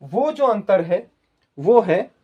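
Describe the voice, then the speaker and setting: A man's voice: sits high, very animated, slow, slightly rough, dull audio. A man teaching a Hindi spelling and pronunciation lesson, explaining patiently to students and repeating words. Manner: addresses viewers as children. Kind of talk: spoken grammar lesson.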